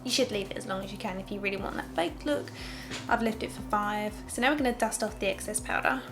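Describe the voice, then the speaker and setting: A woman's voice: mid-range voice, quick pace, music in the background. A young woman talking through a makeup tutorial in a casual, candid way, with sarcastic asides.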